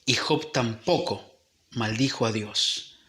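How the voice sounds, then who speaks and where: A man's voice: medium pitch, takes it slowly, a bit bright. Preaching man in an echoey church. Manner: emphatic preaching with repeated phrases. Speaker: pastor. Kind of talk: sermon. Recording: roomy echo with faint music.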